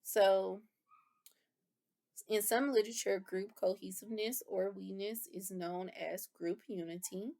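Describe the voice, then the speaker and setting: A woman's voice: medium pitch, steady tone, measured pace, gravelly, darkish tone. A woman reviewing course material in a lecture, explaining terms and rephrasing them with casual fillers. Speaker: instructor.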